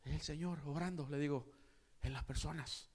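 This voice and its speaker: A man's voice: a little high, normal speed, darkish tone, in a large hall. A man preaching an earnest sermon as pastor, speaking to his listeners as usted. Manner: earnest, addresses listeners as usted, acts out quoted prayers. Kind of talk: sermon teaching. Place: church.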